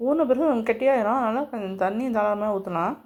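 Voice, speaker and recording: Fast-talking woman demonstrating a home recipe. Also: a little high, darkish tone. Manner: homely step-by-step instructions, speaking to viewers directly. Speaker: cooking channel host.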